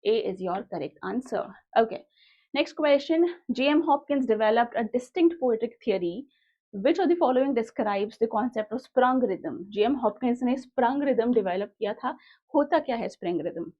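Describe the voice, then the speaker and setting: A woman's voice: on the high side, expressive, dark tone, highs cut off. A young Indian woman teaching an online exam-prep literature class, mixing Hindi and English and reading questions aloud. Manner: switches between Hindi and English, reads questions aloud slowly.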